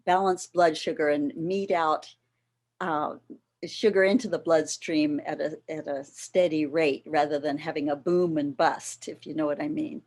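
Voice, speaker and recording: A middle-aged woman giving an explanatory workshop talk on a video call, unhurried and warm with occasional soft laughs. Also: low voice. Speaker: workshop presenter. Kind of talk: educational talk on plant foods.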